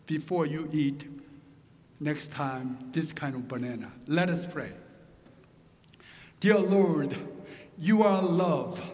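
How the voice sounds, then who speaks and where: In a large hall, a middle-aged pastor who grew up speaking Korean gives a sermon with a Korean accent. His pitch sits fairly high, and he takes his time, measured and careful, with the occasional humorous aside.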